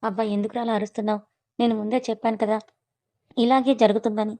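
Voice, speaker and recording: A patient young man coaxes and teases his angry friend, as a woman storyteller puts him on. He speaks briskly and stays level. It is a spoken serial story. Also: fairly high pitch, little pitch movement, dark tone, no echo, lightly acted. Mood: coaxing.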